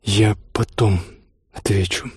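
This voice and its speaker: A man voicing a timid, tearful young wife who speaks quietly and pleads. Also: medium pitch, steady tone, normal speed, breathy edge, dry recording, studio quality, close to an everyday voice. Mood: meek, pleading.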